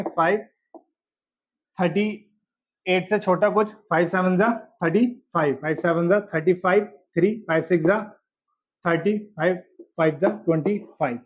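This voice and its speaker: A man with a high voice teaches a school math lesson. He works through each example step by step and keeps checking that the class is following. The audio sounds dull and lo-fi. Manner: explains step by step, checks in with "ठीक है". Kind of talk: board-exam math lesson.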